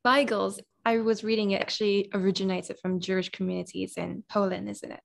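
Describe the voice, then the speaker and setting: Fast-talking woman with a gravelly edge. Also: medium pitch, little pitch movement. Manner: curious, asks questions after reading up. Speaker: interview host. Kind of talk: interview questions.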